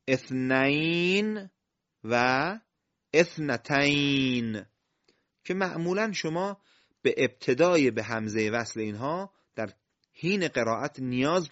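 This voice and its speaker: Male recitation teacher, animated, quizzing tone, dry muffled recording. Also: mid-range voice, no room sound. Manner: explains step by step, quizzes the listener with questions, praises with "well done"; drawn-out, stressed recital of example words. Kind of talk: spoken lesson. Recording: dull, dry, lo-fi sound.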